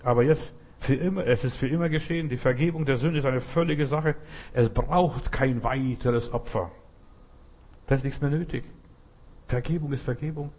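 A man's voice: medium pitch, moderate pace, darkish tone, slightly rough. A man preaching a sermon, talking straight to his listener in short, emphatic, repeated phrases. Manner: earnest, direct address to listener.

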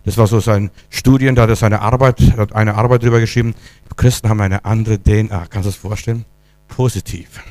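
A man preaching a charismatic sermon with fervour, rising to loud calls and dropping to quiet questions. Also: fairly low pitch, steady tone, brisk, dry recording. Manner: fervent, swinging between loud exclamations and quiet questions. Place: church hall.

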